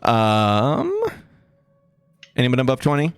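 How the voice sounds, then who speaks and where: Man, dungeon master, lively pitch, chatty, laughs a lot. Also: slow pace, clear, resonant tone, dry recording. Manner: laughing, chatty, a bit disorganized. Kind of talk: running a tabletop game online.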